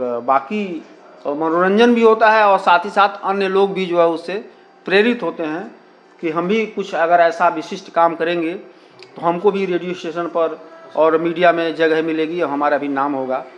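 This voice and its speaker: The speaker, a man representing a community radio station, gives unhurried, explanatory interview answers in a voice on the high side. He tends to repeat himself, sprinkling English words and filler phrases into his Hindi.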